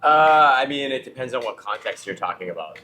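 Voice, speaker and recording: A man's voice: mid-range voice, animated, fairly quick, pushed and bright, slight background noise, low-quality recording. A male chef chatting casually in a restaurant kitchen, teasing with dry humor. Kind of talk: casual chat.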